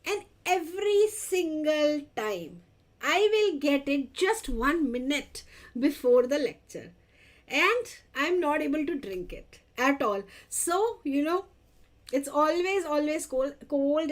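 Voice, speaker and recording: A woman with a North Indian accent lecturing exam students, switching between Hindi and English, addressing them directly and repeating key points. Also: high voice. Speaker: lecturer for dental entrance exam. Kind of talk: interactive exam-review lecture.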